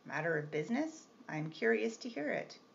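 A woman reading the part of a brusque, teasing gentleman employer with a gruff, commanding manner. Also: sits high, very animated, a little fast, exaggerated voice. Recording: slightly muffled with faint hiss.

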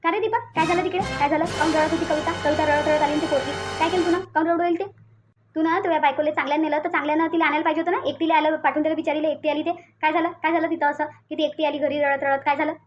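A woman's voice: high-pitched, steady tone, racing, soft background music, lightly acted. A woman voicing a stern, scolding mother-in-law with a Varhadi Marathi accent. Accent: Vidarbha Marathi (Varhadi). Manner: scolding, demanding. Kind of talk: cartoon voice acting.

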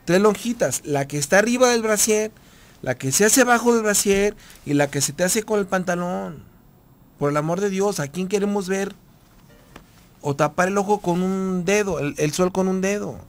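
A man's voice: high-pitched, normal speed. A man with a Mexican accent hosting a live radio talk show as a couples therapist, telling stories emphatically with lots of repetition. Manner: animated, emphatic storytelling with repetition. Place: radio studio booth.

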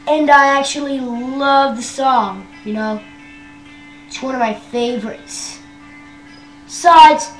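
High-pitched, hesitant young woman from Canada. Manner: hesitant, many ums and wells. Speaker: vlogger. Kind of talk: casual screen-tour vlog. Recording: roomy echo with faint hum.

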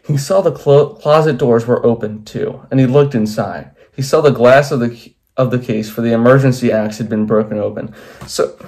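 A man's voice: medium pitch, normal speed, a little mellow. A man reading his old fan fiction aloud with wry, self-mocking asides. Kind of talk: comedic reading with commentary.

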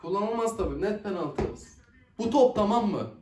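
Excitable young man reacting to football. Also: high voice, normal speed, recorded from a distance, noisy background. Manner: excitable, swears and groans at missed chances. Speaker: football reaction video host. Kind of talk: casual live match reaction. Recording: echoey room, voice a bit off-mic.

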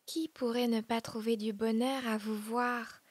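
A woman voicing a wounded young stranger in hiding, in a hushed whispered role-play. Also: a little high, steady tone, a little slow, dry recording. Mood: courteous. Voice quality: breathy, hushed.

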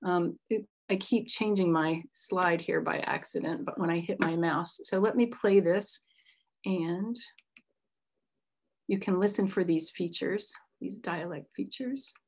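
A woman's voice: on the low side, measured pace. A middle-aged woman giving an explanatory academic lecture with informal asides, speaking into a computer mic. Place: indoor book-lined room at home.

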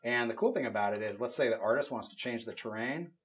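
A middle-aged man casually walking through a software tool demo in an office, explaining as he goes with frequent fillers. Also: mid-range voice, animated, quick pace. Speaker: game studio technical artist demonstrating tools. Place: office at a desk with monitors.

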